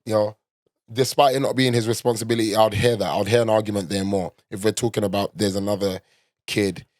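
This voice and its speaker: A man with a low-pitched London roadman accent chats casually and gives his opinions. His speech is full of street slang and swearing, and the sound is close and dry. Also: fairly even intonation, brisk, darkish tone, no room sound. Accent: London, urban street. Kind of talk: casual panel chat, opinionated.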